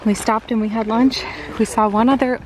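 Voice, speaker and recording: A woman's voice: a little high, fairly even intonation, normal speed, darkish tone. A young woman vlogging her trip in an upbeat, chatty way, laughing often as she hikes outdoors. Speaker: travel vlogger. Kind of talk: casual travel vlog narration. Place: outdoors on a windy mountain trail. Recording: noisy outdoor phone recording.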